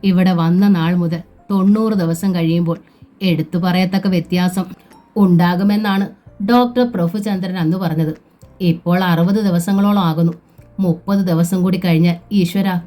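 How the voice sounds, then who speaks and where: A woman reading a family novel aloud in a steady, measured storytelling voice. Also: on the low side, faint music behind. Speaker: narrator.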